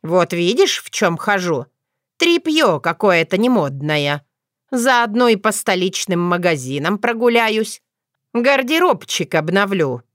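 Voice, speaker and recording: A woman's voice: mid-range voice, very animated, a little slow, no echo, clean studio sound. A woman voicing a playful, bossy old witch grandmother who talks in a teasing, folksy way.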